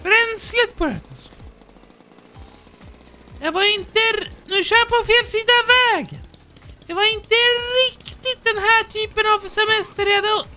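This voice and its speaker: A man voicing a squeaky, childlike male character who keeps up a fussy, silly running commentary while playing a game. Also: long pauses, sharp tone, soft background music, full character voice. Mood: chattering.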